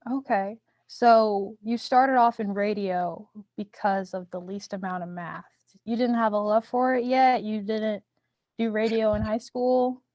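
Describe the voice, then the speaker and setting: A woman's voice: mid-range voice, fairly even intonation, unhurried, a little mellow, no echo. A woman interviewing a guest, asking short questions and giving brief acknowledgements. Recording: dull, dry sound.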